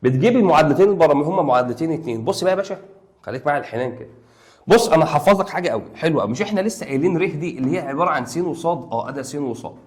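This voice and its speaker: A man's voice: fairly high pitch, expressive, a little mellow. A young man with an Egyptian Arabic accent, teaching a math lesson online in a playful, coaxing way and talking to his students like friends. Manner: rapid, playful and coaxing, talks to students as pals.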